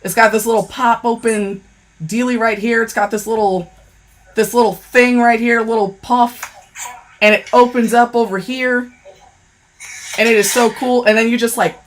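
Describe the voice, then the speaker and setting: A woman talking casually on a livestream about makeup, chatty and excitable, swearing freely and addressing her viewers directly. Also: medium pitch. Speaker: livestream seller reviewing makeup. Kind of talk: casual live-stream chat.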